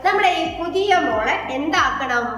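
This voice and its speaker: A woman's voice: extremely high pitch, expressive, measured pace, a bit bright. A woman teaching abacus to a group of children in a classroom, coaxing them with sing-song questions. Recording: very echoey room with faint music.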